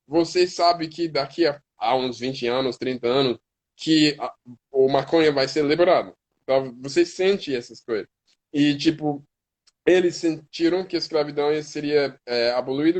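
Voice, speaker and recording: Appearing as a guest on a casual live stream, an American hip hop artist who speaks English natively keeps restarting words while hunting for them in Portuguese. His voice sits on the high side and has a darkish tone.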